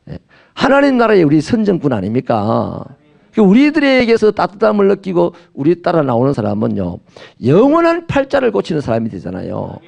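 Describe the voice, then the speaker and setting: A middle-aged pastor with a Gyeongsang accent preaching with humor, often slipping into little acted-out exchanges. His voice sits fairly high for a man and swings widely up and down. A gravelly rasp runs through his delivery. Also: darkish tone. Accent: Gyeongsang Korean. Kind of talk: sermon.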